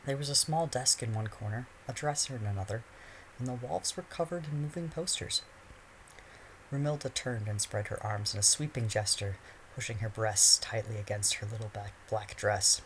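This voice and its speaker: A man's voice: lowish voice, steady tone, a little fast, a bit bright, slight background noise, poor audio. Man reading a fan story aloud. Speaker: narrator.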